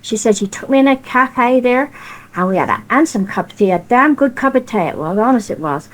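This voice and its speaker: A woman's voice: fairly high pitch, expressive, fairly quick, rough recording. An older woman with a broad West Country accent from Cornwall, telling informal anecdotes and acting out the conversations in dialect. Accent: Cornish West Country. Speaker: storyteller of personal anecdotes.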